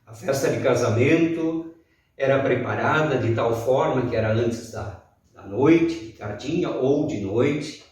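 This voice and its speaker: A man preaching a sermon as pastor in a slow, deliberate way with pauses, recorded in a church. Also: mid-range voice, darkish tone. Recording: very echoey room, voice far from mic.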